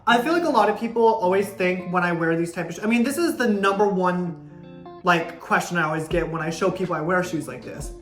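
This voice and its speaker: Excitable youtuber woman rambling on, kinda low voice, big echo bouncing off the kitchen, faint music behind. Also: fairly quick. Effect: heavy room echo. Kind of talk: casual unboxing vlog. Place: kitchen indoors. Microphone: camera mic, no clip-on.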